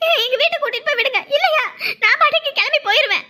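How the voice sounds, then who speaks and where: A woman's voice: extremely high pitch, rapid-fire, bright, forceful tone, pitched above the performer's own voice. Woman voicing an upset young cartoon daughter-in-law. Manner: upset, protesting.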